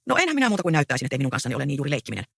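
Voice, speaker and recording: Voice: medium pitch, huge pitch swings, gravelly, a bit bright, no echo, studio quality, pitched below the performer's own voice, full character voice. A reader voicing a proud, easygoing young peasant man in a stage play read aloud. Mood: reassuring.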